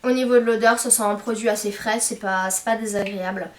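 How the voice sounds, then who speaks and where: A woman's voice: mid-range voice, fairly even intonation, fast, roomy sound, distant mic. A young woman chatting casually to camera about beauty purchases, with frequent hesitant fillers. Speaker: beauty vlogger. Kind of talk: casual haul chat to camera.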